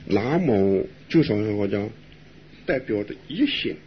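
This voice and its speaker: An older man, a monk, giving a gentle, chuckling Buddhist talk in an unhurried way. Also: lowish voice, animated. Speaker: elderly monk answering questions. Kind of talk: dharma talk with live interpretation. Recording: dull lo-fi recording with faint hiss.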